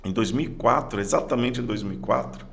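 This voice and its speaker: A middle-aged Brazilian man with a gravelly, fry-tinged voice at an ordinary male pitch. He speaks as a guest in a casual conversation, telling his own story in a halting manner, with frequent restarts and repeated words. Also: fairly bright tone. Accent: Brazilian Portuguese. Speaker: podcast guest, police sergeant. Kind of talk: personal testimony in casual conversation.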